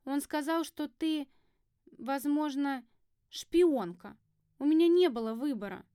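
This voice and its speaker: A woman's voice: sits high, lively intonation, quick pace, warm tone, clear, resonant tone, no echo, clean studio sound. A woman reading the part of a timid, guilty young female roommate in an audiobook. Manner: hesitant, apologetic.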